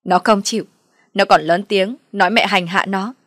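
A woman's voice: medium pitch, fast, husky, no echo, studio quality, lightly acted. A woman voicing a self-pitying, theatrical farm woman near sixty who complains tearfully. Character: wailing self-pitying old farm woman, mother-in-law.

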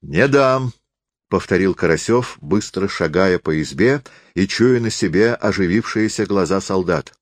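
Low-voiced man reading a story. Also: no room sound, clean studio sound. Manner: measured storytelling. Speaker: audiobook narrator. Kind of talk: literary reading.

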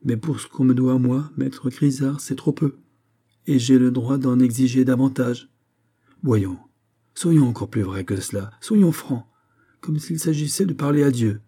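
A man playing a dying old Jesuit general who speaks sternly and imperiously, with a husky voice. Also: on the low side, fairly even intonation, normal speed, warm tone. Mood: commanding.

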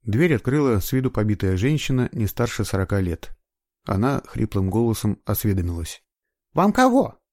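A man narrating a novel as an audiobook, in steady, expressive storytelling. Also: fairly low pitch, fairly quick. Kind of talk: scripted narration.

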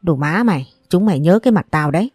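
A woman reading the lines of a crude, menacing drunken older man in a storybook, voicing his coarse, vulgar threats in a low, mellow voice. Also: expressive, quick pace, husky, no room sound, studio quality, faint music behind. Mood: snarling.

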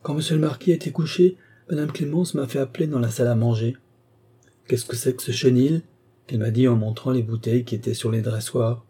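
A man's voice: medium pitch, fairly even intonation, a little fast, warm tone, slightly rough, natural voice. A man voicing a chatty old female country servant, telling her story in a breathless, exclamatory way, for an audiobook. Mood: indignant.

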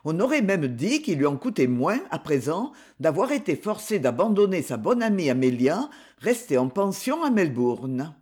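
A man narrating a storybook in an expressive, dramatic reading. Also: fairly high pitch, normal speed, few pauses, slightly rough. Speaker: audiobook narrator.

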